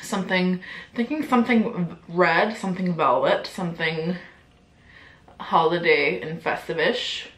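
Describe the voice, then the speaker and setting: A woman's voice: fairly low pitch, measured pace. A young woman in her twenties chatting casually to camera as a vlogger, giggly and full of filler words and swearing. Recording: echoey room.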